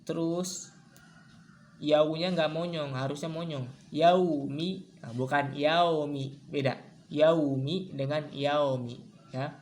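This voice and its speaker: Casting note: unhurried male recitation teacher, chants then corrects, faint ambience behind. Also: on the high side, steady tone, a little mellow, echoey room, slight background noise. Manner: chants verses slowly, then explains mistakes in casual speech; contrasts wrong and right pronunciations repeatedly. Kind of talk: recitation lesson with demonstrations.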